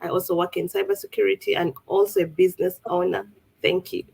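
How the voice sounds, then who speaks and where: A woman's voice: on the low side, a little fast, vocal fry, a little mellow, slightly rough, rough recording. A woman from Uganda co-hosting a live online talk show, hesitant with frequent ums. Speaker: co-host.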